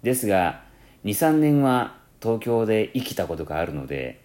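A low-pitched man with a Kansai accent blended into standard speech chats alone on his own radio-style show. His pitch rises and dips animatedly as he wanders from thought to thought. He leans heavily on fillers and corrects himself mid-sentence. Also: moderate pace. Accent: Kansai mixed with standard Japanese. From Kansai, Japan. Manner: rambling, many fillers, self-corrections; lively rising and falling pitch. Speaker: podcast host. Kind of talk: casual solo radio talk.

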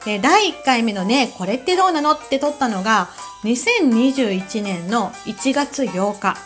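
A woman from Kansai with a Kansai accent, hosting a relaxed solo talk show with a calm manner and many soft fillers. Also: a little high, moderate pace, faint music behind. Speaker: podcast host.

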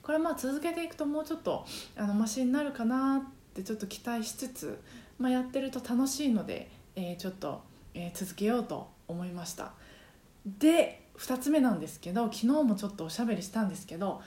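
A woman's voice: fairly high pitch, expressive, a little fast, mellow, echoey room. A woman who works as a singing trainer, hosting her own podcast in a casual, chatty way with many fillers. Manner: chatty, many fillers, sings short phrases to demonstrate. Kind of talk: casual solo podcast talk. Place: apartment home.

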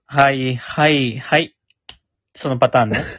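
Guy mumbling fast in a casual podcast chat, kinda husky, dull dry lo-fi sound. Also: medium pitch, fairly bright tone, no room sound. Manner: talks fast, jokey and defensive. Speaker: podcast co-host.

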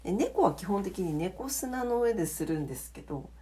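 Hosting her late-night audio diary alone, this woman has a mellow, medium-pitched voice that is animated and moderately paced. She greets listeners like a radio DJ and chats politely, often poking fun at herself.

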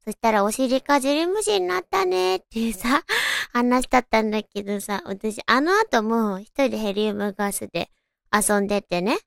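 Female solo radio host, cute high anime-girl voice, smooth and clean, playful casual chat. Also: moderate pace, no room sound.

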